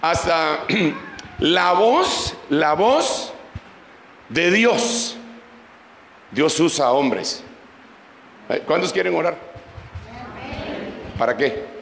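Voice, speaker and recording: A man's voice: on the high side, animated, drawn-out words, gravelly, pauses often, a bit bright, reverberant, in a large hall, a little hiss or hum, poor audio. A man preaching a sermon as pastor, leading the congregation in prayer. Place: church.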